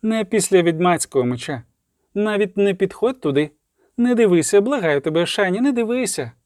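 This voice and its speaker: A man's voice: high voice, animated, moderate pace, darkish tone, no echo, clean studio sound, voice pushed up. A man doing a grim protective bard. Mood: urgent. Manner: muffled, urgent, pleading.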